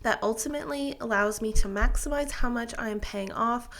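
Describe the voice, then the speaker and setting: This personal finance vlogger, a woman in her 20s, sounds stuffed up from a sinus infection as she walks the camera through her finances. She speaks briskly with a fairly high, fairly bright voice, in a chatty, methodical manner full of fillers and restarts.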